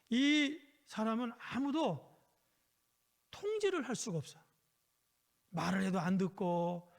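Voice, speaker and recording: A man preaching a children's sermon, telling a Bible story gently and asking his listeners questions. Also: high voice. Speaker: pastor.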